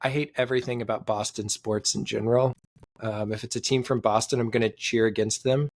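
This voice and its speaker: A man co-hosting a sports podcast, rambling in casual chat with lots of fillers and sudden pitch jumps. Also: fairly even intonation, fairly quick, dry recording. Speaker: podcast co-host.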